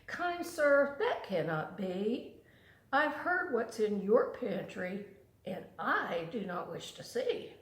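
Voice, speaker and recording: A woman's voice: medium pitch, sing-song, slow pace, echoey room. A woman voicing a small, polite female fly in a storybook poem, warily and dramatically refusing temptation. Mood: polite refusal. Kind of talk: storybook poem read aloud.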